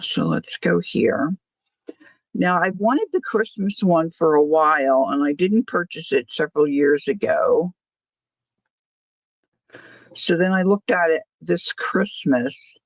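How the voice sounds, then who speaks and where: An older woman talks at an unhurried pace in a gravelly, creaky voice. Her speech is a little slurred, as it is with no front teeth in. She rambles casually from one aside to the next, like a host chatting to her livestream. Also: fairly low pitch, lively intonation, dry recording, low-quality recording. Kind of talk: casual chat.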